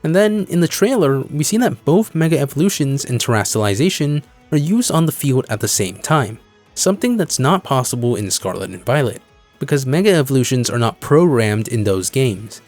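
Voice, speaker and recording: A man's voice: medium pitch, very animated, moderate pace, a little mellow. A man presenting scripted video-essay commentary in an explanatory way, leaning on key phrases for emphasis. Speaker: video creator and host. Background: background music.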